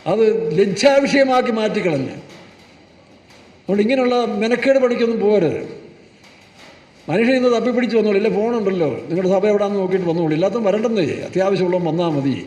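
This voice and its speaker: A man preaches in a scolding tone, firing rhetorical questions at his congregation. His voice sits high for a man. He is recorded from a distance in a church hall with a long, roomy echo. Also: quick pace, darkish tone. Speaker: pastor. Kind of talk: sermon. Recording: echoey hall, mic far off.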